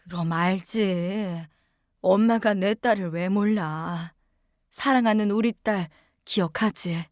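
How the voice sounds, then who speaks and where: A woman voicing a frail elderly mother just waking from a coma, speaking weakly, slowly and tenderly. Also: medium pitch, no echo, clean studio sound, natural voice. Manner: weak, slow, tender. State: weak, just awakened.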